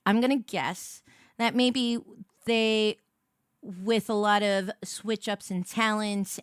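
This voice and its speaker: A woman hosting a casual livestream, talking in an animated, slangy way with plenty of swearing. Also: mid-range voice, clear, resonant tone, dry recording, clean studio sound. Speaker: VTuber streamer and host with a 1950s diner waitress persona.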